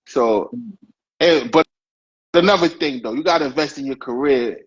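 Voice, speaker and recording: New guy hosting a live chat, husky, keeps repeating his points, muffled stream sound. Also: mid-range voice, moderate pace. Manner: emphatic, advice-giving, repeats phrases. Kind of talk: casual podcast chat. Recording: dull lo-fi stream audio.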